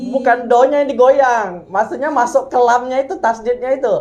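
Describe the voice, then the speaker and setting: A woman's voice: on the high side, steady tone, a little fast, darkish tone, faint music behind. A woman teaching Quran recitation, correcting pronunciation and demonstrating sounds over and over. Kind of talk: hands-on recitation coaching.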